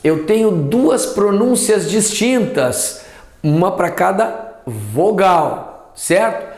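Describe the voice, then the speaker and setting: A man teaching a Portuguese grammar lesson, lively, asking and answering his own questions as he explains. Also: sits high, takes it slowly, reverberant. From southern Brazil. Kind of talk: classroom lesson.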